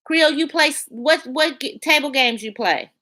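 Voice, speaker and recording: Woman streamer, relaxed and colloquial, reads chat aloud, bright tone. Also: high-pitched, normal speed. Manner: chatty, colloquial, talks to viewers by name. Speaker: livestream host reading chat. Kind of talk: casual live-stream chat.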